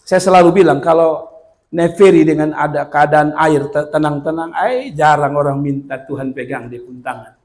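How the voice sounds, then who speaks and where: A male pastor, preaching a sermon that swings from quiet murmurs to loud shouted peaks and acts out the voices in his stories. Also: on the high side, steady tone, moderate pace.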